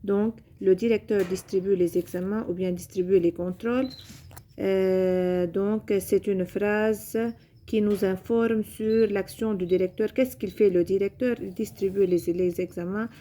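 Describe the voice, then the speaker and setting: A young woman teacher giving a recorded grammar lesson to pupils, repeating each point in a slow, deliberate way. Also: mid-range voice, dark tone, slight background noise.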